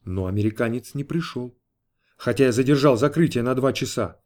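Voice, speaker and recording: Male audiobook narrator, measured and even, mid-pitched. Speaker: audiobook reader. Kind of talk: scripted narration.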